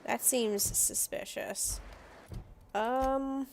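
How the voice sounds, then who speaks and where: Slow, gravelly woman streamer. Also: on the high side, fairly even intonation, darkish tone, slight background noise. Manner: dry, wry asides. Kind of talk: casual gameplay commentary.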